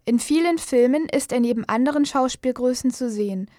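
A woman's voice: sits high, fairly quick, warm tone, a little hiss or hum. A woman reading scripted biographical news narration as a voice-over. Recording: dry studio voice-over.

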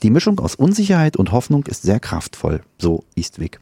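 A man's voice: mid-range voice, wildly swooping pitch, a little fast, mellow, slightly rough, no room sound. A middle-aged man co-hosting a radio show, teasing his partner and reading out study findings in a dry way. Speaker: radio co-host. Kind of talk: casual chat.

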